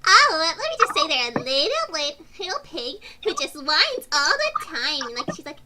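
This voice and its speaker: A woman's voice: high-pitched, sing-song, normal speed, very noisy. A woman voicing a spoiled, bratty young customer who drawls like a valley girl in an acted skit. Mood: snotty. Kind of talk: voiced skit acting.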